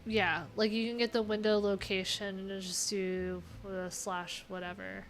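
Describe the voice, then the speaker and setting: On her casual live coding stream, the thirty-something web developer and host keeps things playful, voicing fragmented thoughts as she works indoors. Her medium-pitched voice stays level and a little slow, with guitar music and slight background noise.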